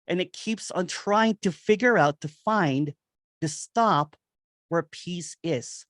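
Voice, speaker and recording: A man giving a meditative spiritual reflection on nonduality, repeating phrases and chuckling softly now and then. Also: high voice, takes it slowly, long pauses, no room sound, clean studio sound. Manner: meditative, repetitive, with soft chuckles. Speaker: nonduality speaker. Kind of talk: slow spoken spiritual reflection.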